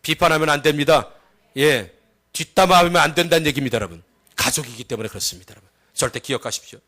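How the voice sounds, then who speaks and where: A pastor delivers a Sunday sermon in a high voice. He swings from loud, emphatic lines to low, quiet asides. He drives his points home and calls out to the congregation. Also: fast. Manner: acts out story voices with a raised pitch.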